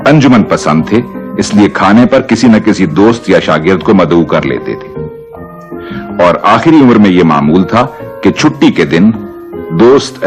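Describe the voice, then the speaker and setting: A man with a very deep voice narrates a documentary script in a measured, formal way. His pitch rises and falls widely, and faint music plays behind him.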